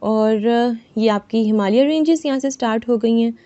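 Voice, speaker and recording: A woman teaching an exam-prep lesson over a screen recording, reading English lines slowly and explaining them with constant "theek hai" checks. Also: a little high, dark tone. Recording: dull lo-fi voice-over.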